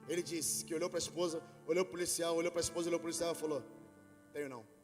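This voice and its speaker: Brazilian pastor guy, high voice, storytelling then shouting the sermon, big reverb hall. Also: steady tone, racing. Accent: Brazilian Portuguese. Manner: storytelling that builds to shouted preaching. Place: church hall with worship band. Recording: long hall reverb with faint music.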